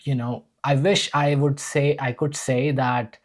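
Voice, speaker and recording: An Indian man with an Indian accent, a podcast guest who is usually the host, earnestly and enthusiastically recounts his life story in a casual podcast conversation. His mid-range voice is level in tone and unhurried.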